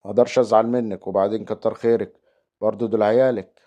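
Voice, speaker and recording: A steady family man, voiced by a man, speaks firmly and very quickly with an Egyptian accent. The recording sounds dull. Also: on the low side, natural voice. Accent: Egyptian Arabic. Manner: firm, reassuring.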